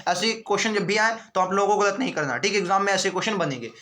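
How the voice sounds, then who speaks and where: Brief: male online tutor, high voice, drills answers by repetition, rhetorical questions. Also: fast, pushed and bright. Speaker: exam prep teacher. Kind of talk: online spelling class.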